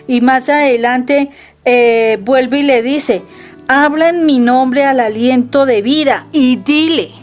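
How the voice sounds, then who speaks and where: Middle-aged Colombian woman, higher voice, earnest co-host teaching, faint music bed. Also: takes it slowly. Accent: Colombian Spanish. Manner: earnest, emphatic, quotes scripture aloud. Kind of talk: conversational religious teaching.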